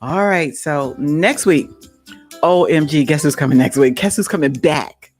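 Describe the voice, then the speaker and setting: A young adult woman hosting a live-stream talk show, excitable and gushing, laughing often. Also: low-pitched, a little slow, faint music behind.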